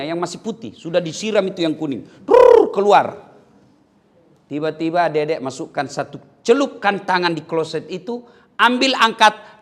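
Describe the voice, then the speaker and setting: A man's voice: fairly high pitch, fairly bright tone. A man preaching a humorous sermon who tells jokes and stories and acts out the lines of the people in them. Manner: joking, storytelling, acts out quotes. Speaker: Islamic preacher.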